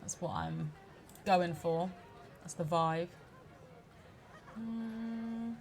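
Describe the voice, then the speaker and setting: A woman giving casual let's play commentary as she builds a park, chatty and quick to laugh. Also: on the low side, darkish tone, soft background music. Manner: chatty, laughs often, mock-outraged at park guests. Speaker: community manager streaming a game.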